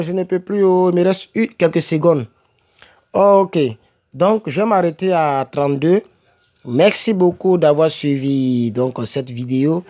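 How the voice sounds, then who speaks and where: Slow-paced man teaching English words. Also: mid-range voice, a little mellow. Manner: repeats words slowly, asks "n'est-ce pas?" and "ok?" often, self-corrects. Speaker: English teacher for French speakers. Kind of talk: casual home-made vocabulary lesson.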